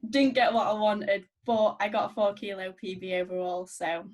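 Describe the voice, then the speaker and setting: A woman of twenty-one from England, a guest on a podcast, chatting in a relaxed, modest way and laughing often. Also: mid-range voice, moderate pace. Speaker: guest weightlifter. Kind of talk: casual podcast chat.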